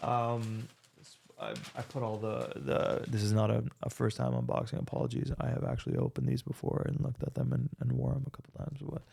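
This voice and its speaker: Young man, gravelly voice, casual rambling vlog, lots of fillers, desk mic. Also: medium pitch, a little fast, dark tone. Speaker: vlogger. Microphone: desk microphone.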